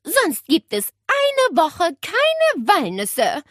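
A stern old great-aunt in a children's story, speaking slowly and firmly, as a woman puts her on. Her lines are drawn out and raised in pitch, in a dry close recording. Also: sing-song, breathy edge, no echo, full character voice. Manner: slow and stern, coaxing.

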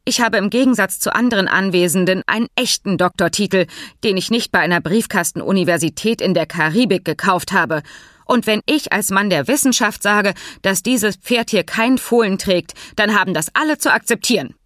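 A woman's voice: mid-range voice, brisk, a bit bright, no room sound, clean studio sound, voice pushed up, natural voice. A woman reading an audiobook, voicing a timid, pedantic male veterinarian who talks stiffly and formally. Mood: indignant. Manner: nervous, stiffly formal, jargon-heavy.

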